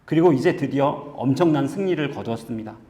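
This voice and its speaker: A man's voice: medium pitch, animated, quick pace, mellow, in a large hall. A male pastor giving a sermon in an earnest, storytelling manner, moving from personal anecdote to scripture. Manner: earnest storytelling, conversational preaching.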